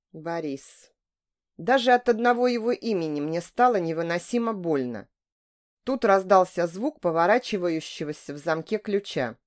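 A woman reading a first-person novel as an audiobook, with expressive, emotional delivery. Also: mid-range voice. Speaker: audiobook narrator.

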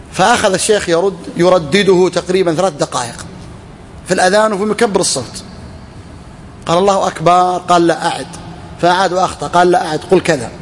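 Man teaching, high voice, repeats phrases. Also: a little hiss or hum. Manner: repeats each phrase, reads text slowly then explains. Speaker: sheikh teaching a book. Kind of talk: classroom lesson on Islamic law. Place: lesson hall with students.

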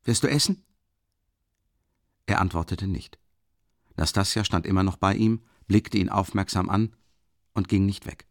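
A man with a fairly low voice narrating an audiobook in an even, measured way. The sound is dry and close, with no room echo. It has the steady pace of scripted narration from a recording studio.

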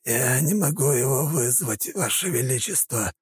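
A man voicing a broken, tortured male prince who speaks in a wheezing, rasping way. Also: medium pitch, expressive, normal speed, no room sound, voice pushed up. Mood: pleading.

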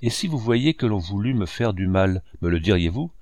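A coaxing, familiar small-town mayor who questions in a lively, rising and falling way, voiced by a male reader. The tone is fairly low and the sound dry. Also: normal speed, no echo, natural voice.

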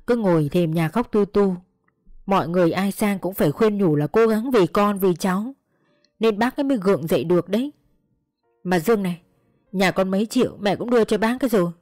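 A kindly middle-aged mother talks in a plain, homely way, as a woman storyteller voices her. The audio is close and dry. Soft music plays faintly behind. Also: mid-range voice, fairly quick, no echo, natural voice. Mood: gentle.

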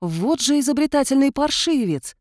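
A man's voice: very high voice, big pitch swings, normal speed, a little mellow, no echo, clean studio sound, voice pushed up. A woman reading an audiobook, voicing a blunt young male investigator who talks in an indignant, matter-of-fact way.

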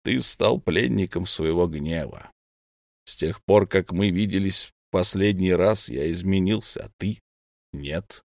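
A man voicing a male god who speaks slowly and measuredly, with lofty regret. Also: lowish voice, sing-song, no echo, studio quality. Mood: calm.

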